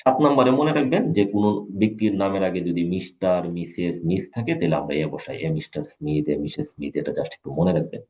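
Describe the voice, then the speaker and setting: A man's voice: low-pitched, fast talker, darkish tone. A man teaching an English grammar lesson in Bengali, repeating and spelling out examples letter by letter. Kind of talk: live online grammar lesson.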